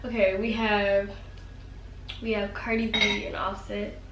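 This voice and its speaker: A woman's voice: medium pitch, level tone, unhurried. A young woman hosting a casual vlog, chatting loosely with lots of ums and likes. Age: young adult. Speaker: vlog host. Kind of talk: casual chat on camera. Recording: roomy, distant, clattering kitchen noise.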